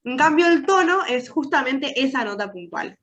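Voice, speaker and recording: A woman's voice: high voice, sing-song, normal speed, fairly bright tone, dull audio, a little hiss or hum. A woman with an Argentine accent, nasal and congested from a cold, teaching an online workshop and asking her audience many questions. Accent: Argentine Rioplatense Spanish. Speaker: soft-skills trainer.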